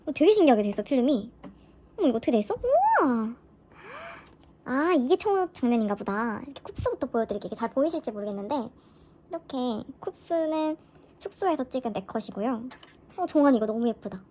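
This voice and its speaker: Woman vlogger, high and lively voice, excitable fan chatter for an unboxing. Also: fast, slight background noise. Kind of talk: casual unboxing vlog.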